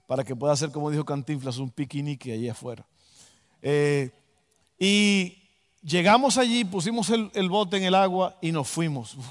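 Guy preaching, high voice, big echoey hall, acts out the story. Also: normal speed. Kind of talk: storytelling sermon. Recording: long hall reverb.

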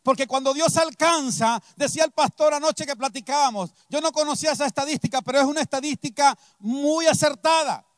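Male pastor, very high voice, dry close sound, emphatic repeating sermon delivery. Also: fairly quick, hardly any pauses, no room sound. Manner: emphatic storytelling preacher, repeating key phrases.

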